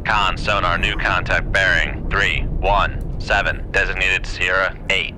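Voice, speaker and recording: Deep, terse submarine sonar operator. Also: male voice, flat delivery, unhurried, background noise. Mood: terse, businesslike. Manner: formal, procedural. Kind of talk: clipped military game voice reports. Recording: game clip with loud vessel ambience.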